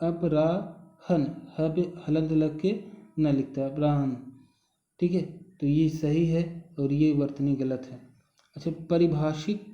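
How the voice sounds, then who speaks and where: Guy teaching spelling slow and patient, dark mellow voice, muffled roomy sound. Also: a little high. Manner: patient, repeats words slowly and often says "thik hai". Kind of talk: spelling lesson.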